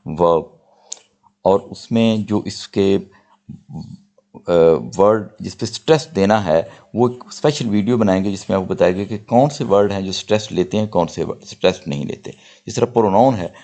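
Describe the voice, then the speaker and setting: An older man teaching English grammar, saying example sentences slowly and deliberately. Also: lowish voice, dark tone. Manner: slow deliberate model sentences, explanatory. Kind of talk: spoken grammar lesson.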